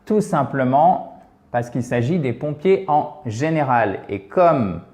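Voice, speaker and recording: Man, mid-pitched, patient teacher explaining English in French, often checks in. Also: expressive, slow, warm tone. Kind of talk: French-language English lesson.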